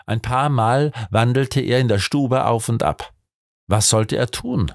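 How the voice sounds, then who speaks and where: A man narrating a detective audiobook in an expressive storytelling manner. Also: mid-range voice, unhurried, gravelly, dry recording, clean studio sound. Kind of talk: scripted narration.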